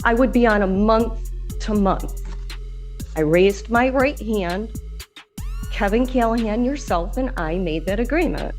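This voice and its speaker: A woman's voice: medium pitch, animated, unhurried, darkish tone, soft background music. Rambling woman litigant in a courtroom recording. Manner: rambling, stiffly formal wording. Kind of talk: addressing a judge in a hearing.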